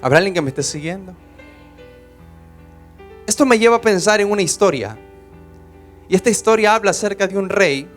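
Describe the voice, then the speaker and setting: Un pastor que predica un sermón con pasión, alternando entre voz suave y fuerte. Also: male voice, high-pitched. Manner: passionate preaching, swings between soft and loud. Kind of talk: sermon.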